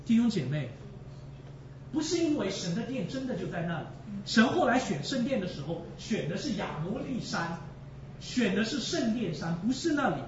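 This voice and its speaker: A man with a high, widely swinging voice preaches with emotion, repeating lines for emphasis and calling out to his listeners. He sounds far from the mic in an echoey space, and the recording is dull. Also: sing-song, moderate pace, slight background noise. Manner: addresses the congregation directly. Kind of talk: sermon.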